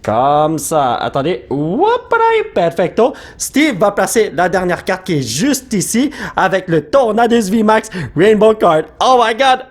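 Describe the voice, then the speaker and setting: A young man with a Quebec French accent, his voice slightly hoarse from shouting, excitedly opening card packs, rattling off card names and breaking into laughter. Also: high voice, unhurried, few pauses.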